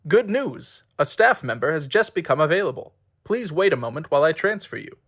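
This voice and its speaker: A man's voice: a little high, brisk, faint music behind. A man doing a smug automated phone menu. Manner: polite, smooth, deadpan.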